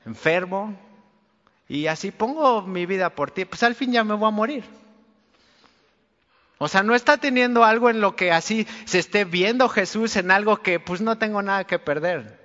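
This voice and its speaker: High-voiced preacher in a reverberant hall. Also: male voice, fairly bright tone. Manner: colloquial, earnest, addresses listener directly. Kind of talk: conversational sermon. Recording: long reverb, dull lo-fi sound.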